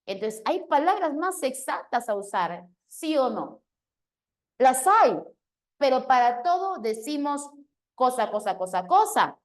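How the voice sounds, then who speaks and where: A woman teacher giving an animated lesson, often checking in with her listeners. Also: high voice, measured pace. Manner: animated, questioning, keeps asking "¿sí o no?". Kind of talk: lively classroom lesson.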